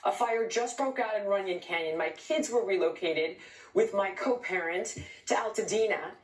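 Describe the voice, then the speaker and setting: A woman from California speaking as a guest in a heated interview, outraged and emphatic, firing off points rapidly. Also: medium pitch, roomy sound, recorded from a distance, faint music behind, rough recording.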